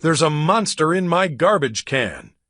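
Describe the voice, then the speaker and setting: A man's voice: a little high, big pitch swings, unhurried, pushed and bright, no room sound, studio quality, pitched above the performer's own voice, heavily acted. A man voicing a frantic, talkative fifth-grade girl who shrieks in breathless panic in a storybook reading. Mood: panicked.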